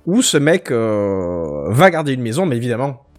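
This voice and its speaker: A man hosting a casual podcast, telling stories in an animated, joking way. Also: mid-range voice, normal speed, soft background music. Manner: lively, joking, animated storytelling. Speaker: podcast host.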